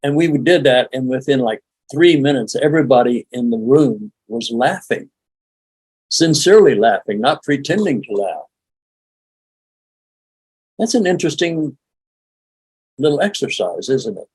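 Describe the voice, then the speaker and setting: An older man, a meditation teacher, giving a relaxed, folksy spoken lesson with frequent chuckles. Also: mid-range voice, a little slow, pauses often, breathy edge, no room sound, poor audio. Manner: chuckling, folksy, demonstrates laughing exercises.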